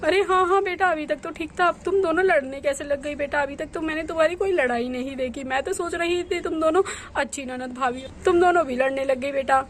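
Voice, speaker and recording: A motherly aunt softly scolds the girls for fighting, as a woman puts her on. The voice is high and soothing. A faint hum of noise sits behind it. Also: brisk, close to an everyday voice. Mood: chiding. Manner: soothing, calls everyone child. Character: motherly older aunt, gently chiding. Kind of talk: doll story role-play.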